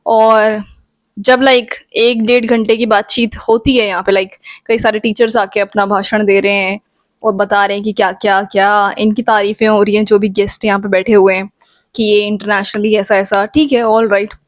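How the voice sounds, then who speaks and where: A woman's voice: mid-range voice, little pitch movement, normal speed, no room sound. A young woman vlogger in a chatty, playful storytime, talking straight to her viewers. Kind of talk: casual storytime.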